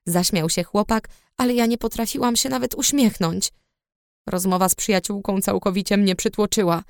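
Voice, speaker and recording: A woman narrating a story in the first person, with expressive storytelling. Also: a little high, dry recording, clean studio sound. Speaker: audiobook narrator.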